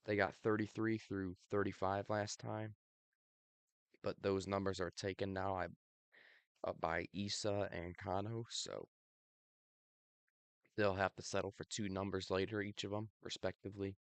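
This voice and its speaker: This young man hosts videos and chats through his predictions offhandedly, his very low voice full of gravelly fry and slightly raspy from allergies. He's relaxed, fills pauses with plenty of ums, and laughs at himself. The sound is close and dry, without any room sound.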